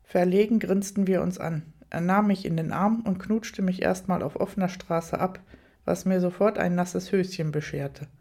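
A woman narrating a first-person audiobook story at an even storytelling pace, with light, amused touches. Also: fairly low pitch, moderate pace.

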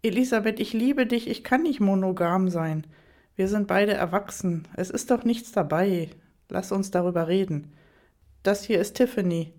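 A woman's voice: medium pitch, moderate pace, a little mellow, natural voice. A woman reading the part of a wealthy, cheating husband who pleads and placates as he is caught out. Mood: pleading. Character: wealthy cheating husband, flustered middle-aged man.

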